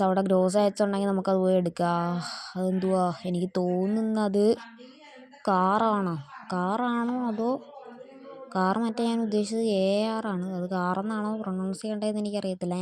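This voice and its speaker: A woman with a mellow, medium-pitched voice hosts a gaming channel, offering casual commentary on her gameplay. She's chatty and keeps talking to her viewers, calling them "guys" as she plays.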